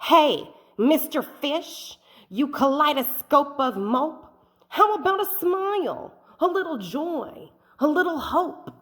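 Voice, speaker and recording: A woman's voice: high voice, lively intonation, slow, a bit bright, pitched above the performer's own voice, heavily acted. A woman voicing a squirmy, slightly impolite female squid in a storybook read-aloud. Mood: cheeky.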